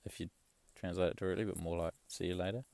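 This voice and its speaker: A young man talks in a very low, gravelly voice, loose and rambling, with casual swearing. The sound is close and dry, with no room around it. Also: steady tone, fast, darkish tone, dry recording. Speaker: travel vlogger. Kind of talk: casual chat.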